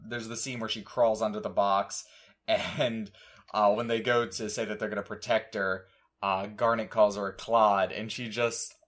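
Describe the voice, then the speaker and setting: Animated podcast co-host, a man. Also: on the low side, normal speed. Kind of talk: casual fan discussion.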